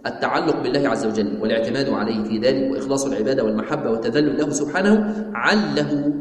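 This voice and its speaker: An Egyptian sheikh delivers a religious lesson at a brisk clip, asking questions and answering them himself. His voice rings through a roomy hall with a long, lingering reverb. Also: medium pitch. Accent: Egyptian Arabic. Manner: repeats points for emphasis. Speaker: sheikh teaching a creed text. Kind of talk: religious lesson, reading and explaining a text.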